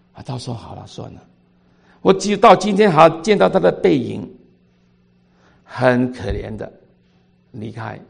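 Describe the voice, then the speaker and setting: Older male preacher, Cantonese accent, high gravelly voice, animated storyteller. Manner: animated, voice swings between loud and quiet. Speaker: pastor. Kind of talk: sermon storytelling.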